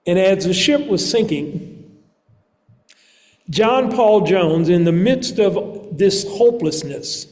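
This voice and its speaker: A man with a rather high voice delivers a sermon at an unhurried, measured pace. His words ring out in a large church with a long, lingering reverb. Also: lively intonation, a little mellow. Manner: slow, measured preaching with deliberate pauses. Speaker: preacher.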